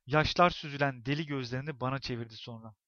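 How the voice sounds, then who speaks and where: A man narrating a novel as an audiobook, in expressive, tense storytelling. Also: medium pitch, fast, dry recording, dull audio.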